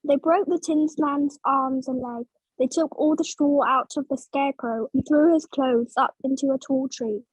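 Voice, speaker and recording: High-voiced woman reading a storybook. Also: steady tone, no echo, low-quality recording. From Vietnam. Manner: slow, clear, simple storytelling. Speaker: narrator. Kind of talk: storybook read-aloud for English learners.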